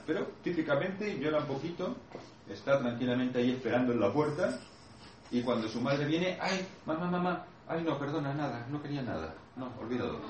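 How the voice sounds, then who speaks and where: A man's voice: medium pitch, highs cut off. A man giving a classroom lecture, explaining patiently with playful acted asides to his audience. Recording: echoey room, mic far off, faint noise.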